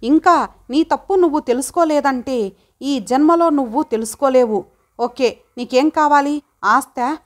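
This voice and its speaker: A woman's voice: high-pitched, a little slow. A woman voicing a defensive, angry husband in an audiobook drama reading.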